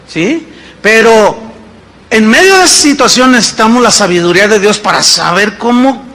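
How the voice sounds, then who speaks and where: A man's voice: sits high, a bit bright. A man, preaching a sermon as pastor, emphatic, with rhetorical questions and acted-out dialogues. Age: 50s.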